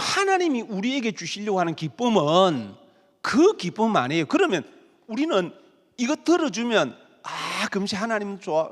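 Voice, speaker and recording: Man, pastor, sermon, high voice, dramatic acted-out prayers, reverberant church hall. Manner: animated, acting out pleading prayers in dramatic voices.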